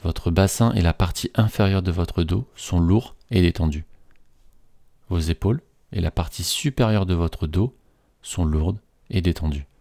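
A man slowly reading a guided relaxation script in a soothing, measured way. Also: low voice, warm tone, no echo, clean studio sound.

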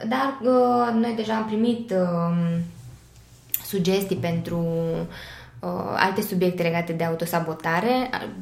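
A woman's voice: lowish voice, creaky, roomy sound. A woman co-hosting a podcast, agreeing often and wrapping up the episode with many hesitant fillers. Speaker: podcast co-host. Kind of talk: casual podcast conversation.

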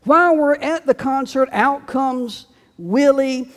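A man preaching a sermon, telling a story slowly and deliberately before drawing out its meaning. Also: very high-pitched. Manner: storytelling, slow and deliberate with dramatic quoted shouts. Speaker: pastor. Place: church sanctuary. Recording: long reverb of a church sanctuary.

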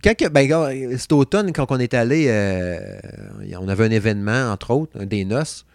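A man in his thirties with a Québécois French accent, talking loosely and playfully as a podcast co-host. He jokes, hums bits of tunes and keeps an easy middle pitch. The sound is close and dry. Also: moderate pace, no room sound. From Saguenay, Quebec. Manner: animated, joking, hums song snippets. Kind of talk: casual chat.

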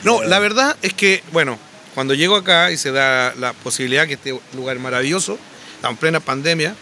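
Male podcast guest, fairly high, bright, chatty storyteller. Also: brisk, a little hiss or hum. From Chile. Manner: animated anecdotes, frequent restarts. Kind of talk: casual storytelling.

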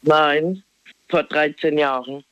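A woman's voice: low voice, fairly even intonation, slow pace, a bit bright, no room sound. A woman in her fifties from Germany calling in to a radio show over the phone, giving brief answers. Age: 50s. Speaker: caller. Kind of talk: radio call-in. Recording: dull phone line.

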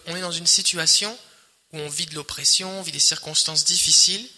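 A man preaching a sermon, emphatic and repetitive, swelling loud and then dropping quiet. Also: high voice. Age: adult, married. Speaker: pastor. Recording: long hall reverb.

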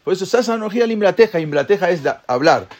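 A man teaching a Torah class, retelling the story in a lively way and acting out the characters' voices. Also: sits high, rapid-fire. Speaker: religious teacher.

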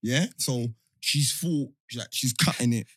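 A man's voice: medium pitch, measured pace, husky, dry recording. A man with a London roadman accent chatting casually in slang, telling stories on a close mic and often repeating himself to check you follow. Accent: London roadman, multicultural urban slang. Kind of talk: casual chat, slangy storytelling.

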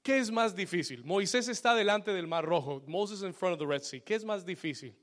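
A male pastor delivering a sermon, switching between Spanish and English phrase by phrase and building to loud exhortations. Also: sits high, expressive, moderate pace. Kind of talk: bilingual sermon.

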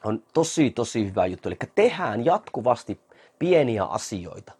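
A man who coaches fitness, talking casually to camera and reading out short quotes slowly before commenting on them. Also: on the low side, sing-song, a little mellow, slightly rough.

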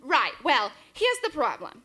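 A woman's voice: sits high, wildly swooping pitch, unhurried, sharp tone, husky, heavily acted. A woman acting a flustered, apologetic stagehand in a comedy radio sketch. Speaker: actor in a comedy radio play.

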